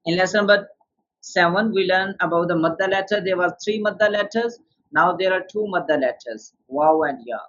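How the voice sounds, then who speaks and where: A man with a somewhat high voice leads a beginner's tajweed lesson. He explains rules one by one and keeps quizzing his student. The sound is muffled and lo-fi. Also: brisk, fairly bright tone. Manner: patient, quizzes the student with questions. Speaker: Quran tajweed teacher. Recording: dull lo-fi sound.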